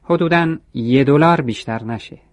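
A man's voice: mid-range voice, no echo, pitched above the performer's own voice, natural voice. A man voicing a polite ten-year-old boy asking for cheap flowers. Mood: earnest.

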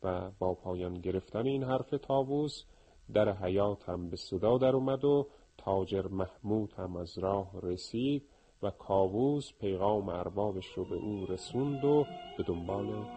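A man narrating a storybook tale, speaking gently and addressing his listeners directly. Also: deep voice, husky, soft background music, poor audio.

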